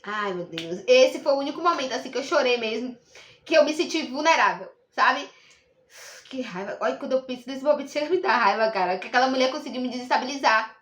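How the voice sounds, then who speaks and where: A woman's voice: high voice, fast, reverberant. A young Brazilian woman telling a personal story to camera in a casual, indignant and emphatic way. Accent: Brazilian Portuguese. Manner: indignant, emphatic, repeats herself. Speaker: vlogger.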